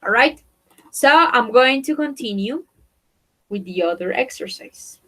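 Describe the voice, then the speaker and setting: A young adult woman teaching English online, mixing Spanish explanations with English words she repeats slowly twice. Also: fairly high pitch, expressive, sharp tone. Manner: slow, repeats each word twice, checks with "¿ok?" and "¿sí?"; switches between Spanish and careful English.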